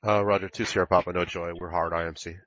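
A man's voice: deep voice, little pitch movement, quick pace, fairly bright tone, dry recording. A man making clipped pilot radio calls over a cockpit-style headset in a flight simulation. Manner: clipped aviation phraseology. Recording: dull, band-limited radio audio.

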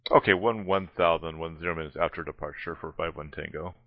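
A man's voice: low-pitched, fairly even intonation, fast talker. A man speaking as a pilot, making aviation radio calls and reading instructions back. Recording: muffled, dull radio audio.

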